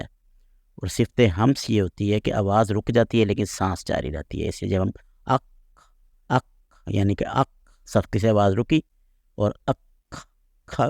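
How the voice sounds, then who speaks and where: Calm low-voiced male recitation teacher. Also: vocal fry, dry recording, studio quality. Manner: patient, slow, repeats sounds aloud to demonstrate. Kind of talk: tajweed lesson, explaining and demonstrating sounds.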